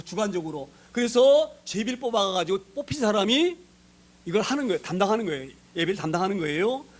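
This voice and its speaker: A male pastor preaching a sermon in a conversational way, often asking the congregation questions. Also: high-pitched.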